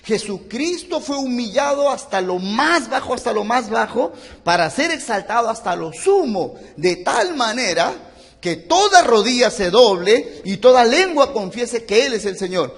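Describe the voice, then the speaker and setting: A man's voice: extremely high pitch, sing-song, a little slow, a bit bright, big-room sound. A man preaching a sermon as a pastor, impassioned and repeating phrases for emphasis. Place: church.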